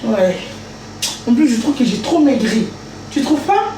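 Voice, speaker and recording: A woman's voice: fairly high pitch, very animated, a little slow, far from the mic. A woman chatting casually on a live stream from her home kitchen, playful and chatty, often singing to herself. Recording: echoey room with background noise.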